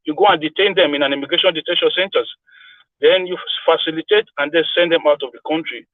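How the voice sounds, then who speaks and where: A man, coming through a group voice chat line that sounds thin and phone-like. His voice is a bit higher than most men's, and he argues earnestly, tumbling through restarts. The sound is dry and close, with no room around it. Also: quick pace, dry recording. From Nigeria. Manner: earnest, argumentative, many restarts. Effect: heard through a group voice chat line. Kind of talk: debating in a live group voice chat.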